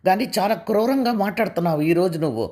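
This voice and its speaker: A woman voicing a sharp-tongued, proud young wife who talks in a raised, cutting way. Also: lowish voice, expressive, fast talker, lightly acted. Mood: scornful.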